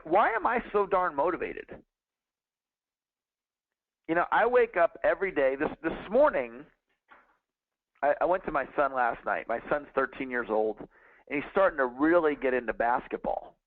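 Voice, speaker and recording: A Californian sales trainer in his forties speaks in a slightly high voice on a motivational teaching call, earnest and conversational, frequently restarting his sentences. The audio is a narrow, tinny phone line, completely dry with no room sound.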